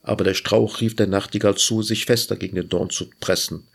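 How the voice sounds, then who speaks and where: A man hosting a literature show, reading a fairy tale aloud in a measured, lyrical way. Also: on the low side, fairly even intonation, vocal fry, husky. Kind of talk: storybook reading.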